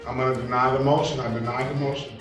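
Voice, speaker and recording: A man's voice: mid-range voice, level tone, fast talker, a bit bright, faint music behind. A man presiding as a judge over a virtual hearing, heard over a video conference call, firm and curt, repeating words as he cuts in. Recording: echoey, distant conference call audio.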